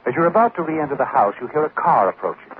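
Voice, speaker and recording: A slightly high male voice with wide pitch swings and a quick pace, from a tinny, noisy 1940s radio recording. An actor plays the narrator of a radio mystery, addressing the listener as "you" in an insinuating, suspenseful way. The mood is ominous and insinuating.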